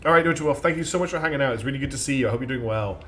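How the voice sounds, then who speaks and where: Talking very fast in a medium-pitched voice, he streams a strategy game live and muses out loud in a chatty manner. He says um a lot, often restarts his sentences, and sounds slightly congested.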